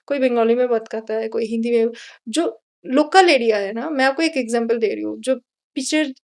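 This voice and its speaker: High-voiced woman mixing Hindi and English. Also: moderate pace, gravelly. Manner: animated, mixes English into Hindi, acts out dialogue. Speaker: sustainability consultant guest. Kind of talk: storytelling interview answers.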